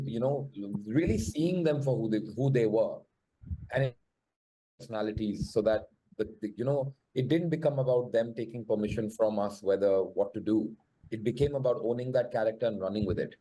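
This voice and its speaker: Mellow, low-voiced man, posh Indian accent. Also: low-quality recording. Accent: educated, posh Indian English. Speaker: screenwriter and show creator. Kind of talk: thoughtful panel interview answer.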